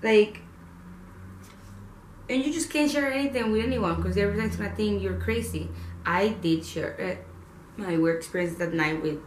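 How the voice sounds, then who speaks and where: A young woman vlogging in a casual way, talking fast through her spiritual experiences, full of "like" and frequent swearing. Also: mid-range voice, slight background noise. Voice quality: animated, swears freely, lots of "like". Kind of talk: casual spiritual vlog talk. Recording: echoey room with faint ambience.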